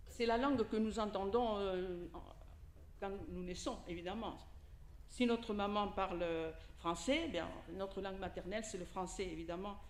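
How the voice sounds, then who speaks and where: Steady in tone, medium in pitch, and moderate in pace, the woman's voice sounds reverberant. An Italian lay preacher and native Italian speaker, she gives a conversational, informal sermon in a church hall during a service, speaking to listeners with questions and asides.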